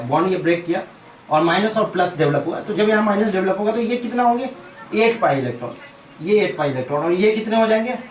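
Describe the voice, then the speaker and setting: An Indian-accented man lectures on chemistry at a board, his voice sitting high as he fields his own questions and restates key terms. Slight background noise comes through. The distant mic picks up plenty of room echo.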